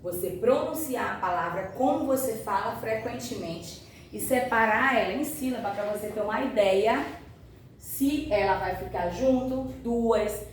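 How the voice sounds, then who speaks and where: A woman teaching a grammar lesson, explaining patiently and often checking that her students follow. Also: mid-range voice. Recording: echoey room, far from mic, faint noise.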